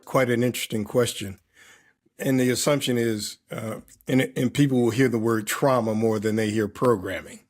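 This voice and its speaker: A man's voice: mid-range voice, steady tone, moderate pace, a little mellow. A man in his fifties or older, a performance coach answering interview questions in an emphatic, reflective way, stacking repeated words in lists.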